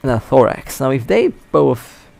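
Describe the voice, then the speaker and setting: A man with a gravelly, creaky voice gives loose live commentary over a space game. He has the hiccups, and his chatty narration keeps catching and restarting mid-word. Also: medium pitch, sing-song, measured pace, warm tone. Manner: casual, chatty, self-correcting. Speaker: mobile space game player.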